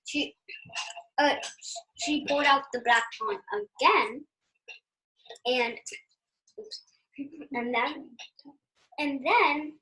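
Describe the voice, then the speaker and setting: A child retelling the last chapters of a book, halting and stringing the story together with many restarts and repeated "and then". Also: female voice, sits high, pushed and bright, low-quality recording. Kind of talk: casual retelling.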